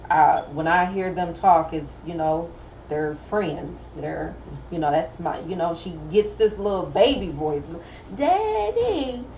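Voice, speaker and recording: A woman's voice: low voice, measured pace, darkish tone, slight background noise. A woman in her thirties sharing her own story in a firm, earnest way during a casual chat. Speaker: podcast co-host. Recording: roomy, distant, slightly dull sound.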